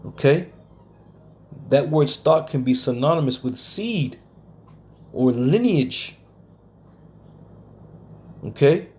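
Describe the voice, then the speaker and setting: A man leads a home Bible study lecture with a medium-pitched, darkish, expressive voice, taking it slowly and pausing often. He's combative and scolding as he teaches scripture, using some coarse language and frequently asking "okay?"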